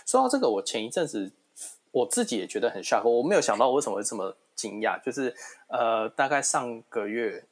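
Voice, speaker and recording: Husky-voiced Taiwanese man chatting. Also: mid-range voice, big pitch swings, a little fast. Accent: Taiwanese Mandarin. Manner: mixes English words into Mandarin. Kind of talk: casual group discussion.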